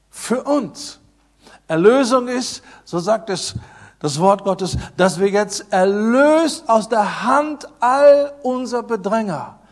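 A middle-aged man preaching a sermon, emphatic and repetitive, swinging between loud passages and soft, low asides.

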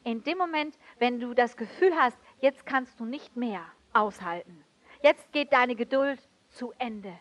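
High, bright, emotive woman preacher. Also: measured pace. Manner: emotive, swings from loud outbursts to soft near-whispers; switches briefly into English. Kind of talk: sermon.

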